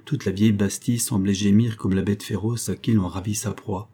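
A man narrating a historical novella as an audiobook in a measured storytelling manner. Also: on the low side, steady tone, warm tone, husky.

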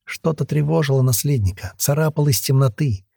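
A man narrating a fantasy audiobook in a steady storytelling manner. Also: a little high, brisk, vocal fry, breathy edge, dry recording, clean studio sound.

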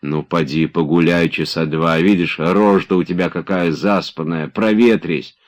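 A man's voice: low voice, fairly even intonation, normal speed, natural voice. A man voicing an impatient nobleman who nervously pushes and orders his servants about. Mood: urging. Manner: urgent, commanding, nervous. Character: agitated impatient male nobleman.

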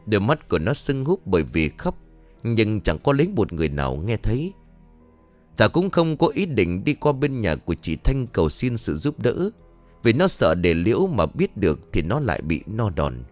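A man's voice: fairly low pitch, big pitch swings, moderate pace, faint music behind. A man narrating a ghost story in a dramatic storytelling manner.

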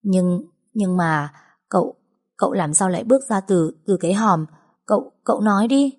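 A woman's voice: medium pitch, normal speed, a little mellow, close to an everyday voice. A woman voicing a tearful young bride who stammers and pleads. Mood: whimpering. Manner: stammering, whimpering, repeats words.

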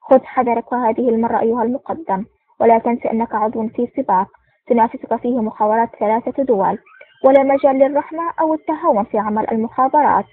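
A woman's voice: on the high side, fast talker, lightly acted. A woman voicing an impatient, commanding male intelligence chief in an audiobook. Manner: brusque and commanding. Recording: tinny phone-like sound.

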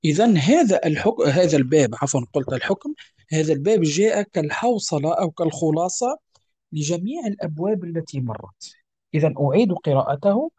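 A teacher explains tajweed rules in a lively voice that rises and falls a lot. The delivery is patient and repetitive, with frequent checks that students understand. Examples are recited slowly and deliberately. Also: mid-range voice, husky.

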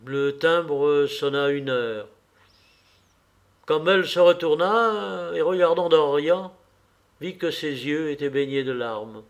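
A man narrating a classic novel in a measured audiobook reading. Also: fairly high pitch.

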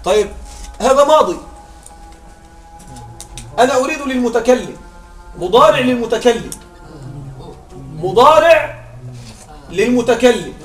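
A man's voice: extremely high pitch, lively intonation, a little slow, long pauses, a bit bright. A man teaching a grammar lesson, drilling examples aloud and checking understanding with frequent questions. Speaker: Arabic morphology teacher. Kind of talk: classroom grammar lecture. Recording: echoey room, far from mic, faint music.

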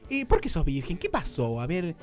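A fast, lively man with a Rioplatense accent hosts a comedy radio show. His pitch bounces around as he teases guests, and he keeps tripping over and repeating his words. His voice sits a little on the high side. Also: soft background music. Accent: Rioplatense Spanish. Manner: playful, teasing, stammers and repeats words.

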